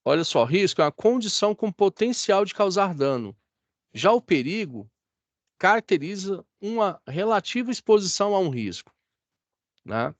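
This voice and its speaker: A Brazilian man gives a classroom lecture in a somewhat high voice. His speech is dry and close, with no room echo. He chats easily and keeps checking that the class follows him. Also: very animated, moderate pace. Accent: Brazilian Portuguese. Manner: chatty, asks the class for agreement. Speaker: teacher.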